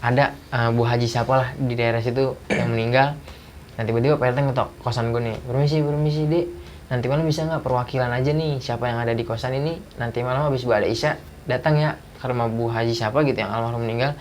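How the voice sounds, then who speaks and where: A man's voice: mid-range voice, fast talker. Guy telling a spooky story in slang, acts out the voices, bit of background hiss. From Jakarta. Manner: animated retelling with acted dialogue, slangy. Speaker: guest storyteller. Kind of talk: casual ghost story telling.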